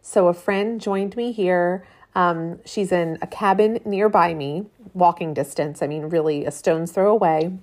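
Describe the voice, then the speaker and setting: A woman's voice: on the low side, a little slow, hardly any pauses, darkish tone. Chatty woman podcaster in her late thirties. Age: late 30s. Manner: chatty, informal. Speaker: podcast host. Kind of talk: casual solo podcast chat. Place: cabin with a metal roof in rain.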